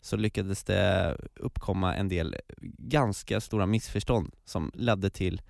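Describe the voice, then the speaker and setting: Guy hosting a podcast, low gravelly voice, lots of fillers and restarts, dry close mic. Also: a little mellow, no room sound. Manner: rambling, many fillers and restarts. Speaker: podcast host. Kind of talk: casual storytelling chat.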